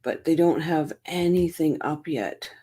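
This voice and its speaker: A woman's voice: sits low, measured pace, dark tone. A woman hosting a casual livestream, greeting chat viewers by name with a tired morning voice. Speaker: livestream host.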